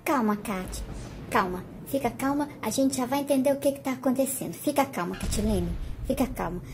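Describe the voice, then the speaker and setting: A woman voicing Clara, a calm young woman doll in a toy play, speaking in a soothing, reassuring way. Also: sits high, fairly quick, a little hiss or hum, voice pushed down.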